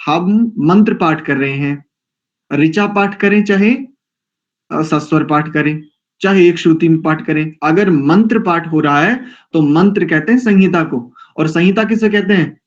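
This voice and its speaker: A male Vedic teacher leads a scripture class at a very unhurried pace, stretching out each syllable of a mantra. His voice sits a little high for a man and comes through a dull, lo-fi recording. He often pauses to question his listeners and correct himself. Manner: slow, deliberate, drawn-out mantra pronunciation drills.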